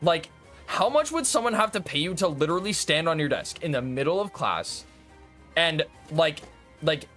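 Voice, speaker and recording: A man's voice: on the high side, animated, moderate pace, bright, forceful tone, faint music behind. A man chatting casually and rambling to his viewers while streaming a game, swearing and laughing often. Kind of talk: casual gaming stream chat.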